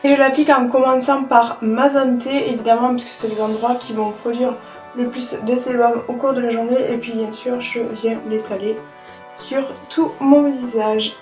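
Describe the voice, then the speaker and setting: A woman's voice: fairly high pitch, fairly even intonation, moderate pace, darkish tone, reverberant, soft background music. A woman, chatting her way through a makeup tutorial and explaining each step. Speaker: beauty vlogger. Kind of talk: casual makeup tutorial narration.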